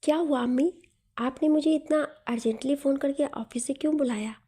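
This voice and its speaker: A woman's voice: high-pitched, a little fast, mellow, close to an everyday voice. Woman voicing a flustered grown son. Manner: flustered, exasperated. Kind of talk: storybook narration.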